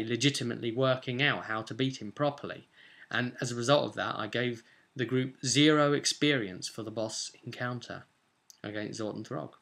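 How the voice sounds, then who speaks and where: Mid-range, gravelly, bright, and forceful, this voice belongs to a British man in his twenties with a British English accent who hosts videos as a game master. Indoors in a small home room, he rambles through a casual explanatory vlog on tabletop role-play with emphatic bursts.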